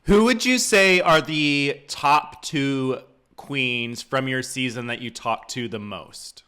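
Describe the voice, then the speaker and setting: A man's voice: mid-range voice, takes it slowly, sharp tone, clean tone. A man hosting a casual, chatty interview. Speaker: interviewer, podcast host.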